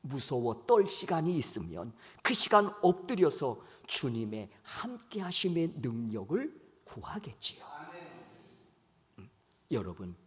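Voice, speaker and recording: A male pastor with a fairly high, very lively voice preaches in a church. His voice rings through a long hall reverb. He keeps turning questions to the congregation and acts out the lines he quotes. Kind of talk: sermon. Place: church sanctuary.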